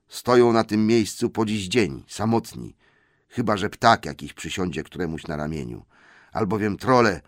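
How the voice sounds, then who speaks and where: A man narrating an audiobook fairy tale in an expressive storytelling manner. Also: on the low side, no room sound, clean studio sound. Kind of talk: scripted narration.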